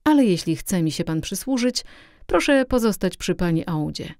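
A woman reading as a cool, composed English gentleman. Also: fairly low pitch, very animated, moderate pace, no room sound. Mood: calm. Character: calm, reserved English gentleman, adult man.

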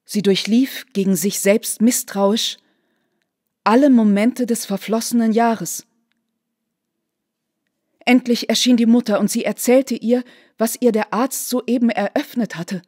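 A woman reads a classic novella aloud in a measured, dramatic way, with careful formal diction. Her voice is fairly high and sounds close and dry, with no room echo. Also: fairly even intonation, warm tone, breathy edge. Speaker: actress reading aloud. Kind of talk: literary reading of a classic novella.

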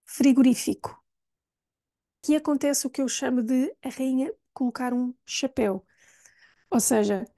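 A woman's voice: high-pitched, warm tone. European Portuguese woman teaching pronunciation. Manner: slow, clear demonstrations of single words. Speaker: language teacher. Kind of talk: pronunciation lesson.

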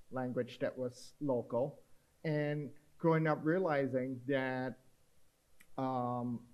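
A man, speaking as an artist on a panel on stage, measured and thoughtful with many restarts. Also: mid-range voice. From Singapore. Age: 50s. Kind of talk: panel talk. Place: theater stage before an audience.

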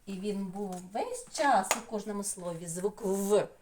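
A middle-aged preschool teacher from Ukraine leads an online phonics lesson for small children. She speaks in an unhurried, gently paced way and stretches each sound in a sing-song voice. Her pitch sits in an ordinary middle range. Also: expressive, background noise. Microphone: computer mic in an online class.

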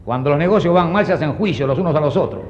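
A man performing a stand-up comedy monologue in a dry, understated deadpan manner. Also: fairly high pitch, fast talker, lo-fi sound. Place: stage before a live audience. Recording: live show with audience and faint noise.

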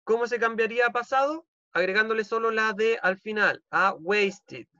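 A man's voice: high-pitched, moderate pace, sharp tone, clear, resonant tone, no room sound. Man, Chilean accent, bilingual teacher, dry dull video-call sound, patient step-by-step explaining. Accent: Chilean Spanish. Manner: explains each rule in English then repeats it in Spanish, checking with "ok?". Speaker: English teacher. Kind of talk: bilingual online class. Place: home. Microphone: computer mic on a video call.

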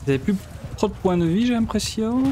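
A man's voice: high voice, expressive, brisk, dark tone, a little hiss or hum. A man from Belgium giving live commentary on his strategy game, thinking aloud and often trailing off mid-sentence. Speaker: let's play gamer.

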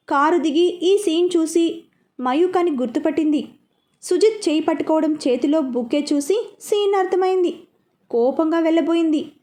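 A woman narrating a serialized story, reading every part expressively. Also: high-pitched. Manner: expressive, lively reading of all parts.

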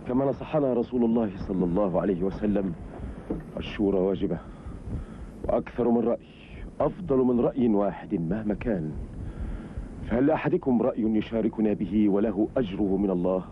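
An actor playing a grave prince. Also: male voice, lowish voice, a little fast, close to an everyday voice. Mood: solemn. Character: solemn prince addressing his council. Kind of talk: formal classical Arabic film dialogue. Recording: tinny old film soundtrack with faint noise.

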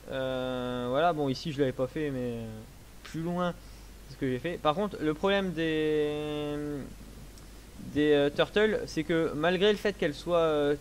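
A man's voice: on the high side, a little hiss or hum. Hesitant young man explaining gameplay. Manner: hesitant, many fillers, explaining slowly. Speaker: let's play host. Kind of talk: casual gameplay commentary. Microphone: headset.

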